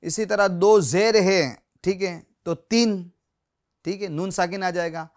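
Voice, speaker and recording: A man teaching Quran reading in a spoken lesson. He repeats each example slowly and patiently, speaks straight to the viewers and asks them to read along, and often says "theek hai" between points. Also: sits high.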